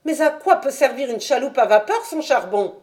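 Brief: woman playing a shrill, chatty working-class wife in a storybook reading, pitched high. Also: lively intonation, normal speed. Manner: loud, fussing and talkative.

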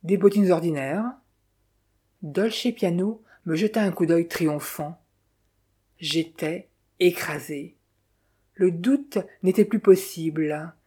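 A woman reading a mystery novel aloud in measured, dramatic first-person narration. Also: lowish voice, dark tone, husky. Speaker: audiobook narrator.

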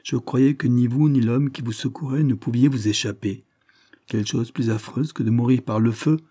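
Male reader doing a sly young farmhand, stubborn, dark and slightly raised. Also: mid-range voice, steady tone, normal speed, breathy edge, natural voice. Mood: pleading.

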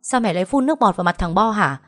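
A woman's voice: mid-range voice, animated, a little fast, no echo, clean studio sound, lightly acted. A woman voicing an irritable young man who scolds his mother curtly. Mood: irritated. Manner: curt, scolding. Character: irritable young husband, curt and blaming.

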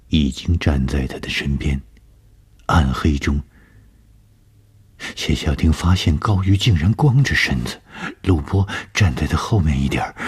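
A man narrating a ghost story for radio in a slow, measured, dramatic reading. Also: extremely low pitch, husky.

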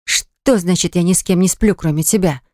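A man's voice: high-pitched, moderate pace, a little mellow, no echo, natural voice. A man reading an audiobook, voicing a defiant, indignant young pregnant woman in a raised, heated voice. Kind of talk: audiobook character voice. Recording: dry close studio recording.

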